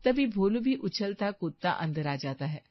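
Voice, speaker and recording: A woman narrates a bedtime-style cartoon story at a steady, middle pitch. The sound is dry and a little muffled and lo-fi. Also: normal speed, dry recording.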